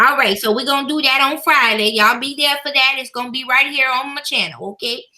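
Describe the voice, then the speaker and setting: A woman's voice: sits high, fairly quick, pushed and bright. Woman putting on a folksy church mother. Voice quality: drawling, calls everyone baby. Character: folksy older church mother reading announcements. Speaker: host. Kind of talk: live stream chat.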